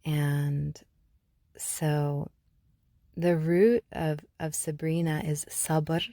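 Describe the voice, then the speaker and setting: A woman from Algeria hosting her own podcast, speaking thoughtfully with many pauses and restarts as she reflects. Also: sits low, level tone, dark tone, no echo, clean studio sound. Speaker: podcast host. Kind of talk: reflective solo podcast talk.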